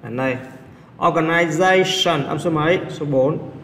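A man's voice: fairly high pitch, vocal fry, a bit bright. A male English teacher working through exam answers step by step, often stopping to check that his students follow. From Vietnam. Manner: explains step by step, asks students quick check questions. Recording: echoey room, faint background noise.

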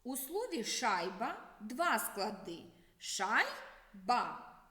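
A woman teaching a children's literacy lesson in a slow, expressive, sing-song teacher voice. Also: on the high side. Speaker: primary school teacher. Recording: echoey room with long reverb.

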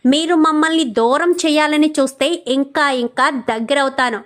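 A woman's voice: high voice, moderate pace, a bit bright. A woman reading as a fierce young wife scolding her brother. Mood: angry.

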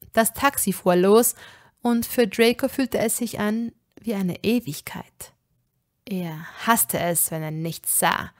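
A woman narrating a fan fiction story in a measured, even way. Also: on the high side. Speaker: audiobook reader. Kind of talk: reading fan fiction aloud.

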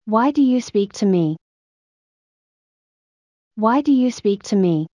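A woman's voice: medium pitch, lively intonation, takes it slowly, warm tone, no echo, highs cut off. A woman reading short English practice sentences aloud, each one repeated in a plain, evenly paced model delivery. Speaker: English phrase reader. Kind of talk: slow repeated phrase drills.

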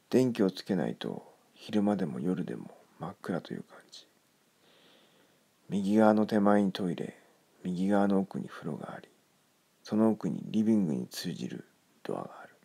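A man narrates a creepy ghost story in a hushed tone. His voice is low and gravelly, with a crackle of fry and a breathy huskiness that often sinks close to a whisper.

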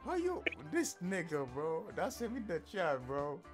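A male streamer trolls strangers over a video chat, his voice swinging up and down with a lively, animated pitch. He talks in a casual, joking banter. Music plays clearly underneath him. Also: a little slow. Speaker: streamer doing random video chats.

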